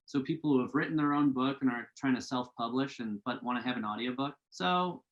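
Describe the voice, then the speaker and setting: Young adult man, podcast guest, casual and thoughtful, mid pitch, slightly muffled lo-fi audio. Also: fairly quick. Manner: conversational, thoughtful, with frequent restarts.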